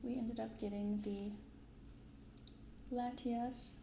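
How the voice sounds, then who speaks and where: This soft-spoken card-opening ASMR host has a creaky, slightly high voice and a steady tone, delivering casual commentary gently and without rushing. Her binaural recording has roomy echo and clearly audible background noise.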